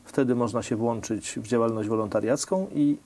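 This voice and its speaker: A man's voice: mid-range voice, moderate pace, warm tone. A middle-aged man hosting a studio interview, asking questions and summing up what the guests say. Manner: questioning, summarizes guests' answers. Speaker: host.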